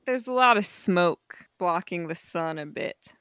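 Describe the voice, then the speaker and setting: Slow, smooth-voiced woman with dry wit. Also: fairly low pitch, animated, a bit bright, no echo. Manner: dry, wry remarks, thinks aloud. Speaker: podcast co-host. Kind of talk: casual comic book club chat.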